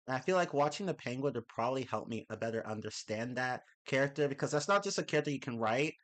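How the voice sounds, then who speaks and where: A young man's mid-range voice is expressive, quick and a bit bright, though slightly off after a cold. On a live stream he casually reads chat messages and responds, rambling, correcting himself and cursing casually.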